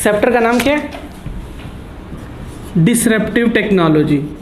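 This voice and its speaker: A man's voice: high voice, lively intonation, unhurried, a little hiss or hum. Teasing male lecturer in a classroom. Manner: chatty and teasing, mixing English terms. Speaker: teacher.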